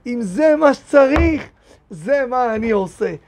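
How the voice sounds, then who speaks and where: A man, a rabbi, teaching a lively Torah lesson in a synagogue, reading verses aloud and firing rhetorical questions at his listeners. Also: very high voice, slight background noise.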